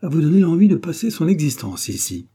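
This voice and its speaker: A man reading aloud, voicing a courteous, shy young man who asks gentle, polite questions. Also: medium pitch, lively intonation, brisk, slightly rough. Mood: polite, eager.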